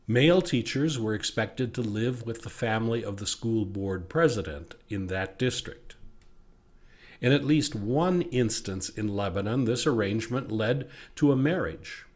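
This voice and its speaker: A man's voice: fairly low pitch, animated, measured pace. A man with an American accent reading scripted local history narration.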